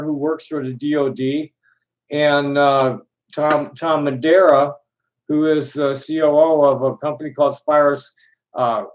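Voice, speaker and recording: Higher-pitched man rambling bluntly. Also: lo-fi sound. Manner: profane, blunt, halting. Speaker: host of an online discussion. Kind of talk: casual rambling chat.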